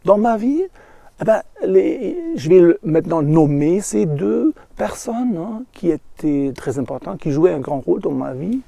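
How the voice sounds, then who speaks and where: A middle-aged man with a foreign, German accent talks in a rambling monologue. His voice sits a little high for a man, yet is gravelly with fry, and the sound is close and dry. He pauses often to search for the right word. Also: expressive, dark tone, dry recording. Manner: halting, searching for words, with tag questions.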